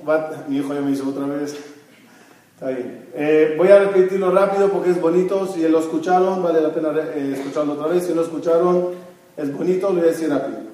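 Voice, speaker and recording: High-voiced man teaching in an echoey hall. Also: warm tone. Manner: asks the audience questions and answers them himself; mixes Hebrew terms into his speech. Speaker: religious teacher. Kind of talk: Torah lesson to a congregation. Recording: very echoey room, mic far off.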